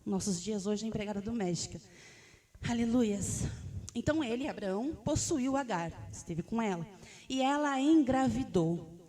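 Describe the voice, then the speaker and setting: A woman pastor preaching a sermon, animated, often calling out hallelujah and acting out pleading prayers. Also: medium pitch, normal speed. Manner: acts out prayers in a raised pleading voice.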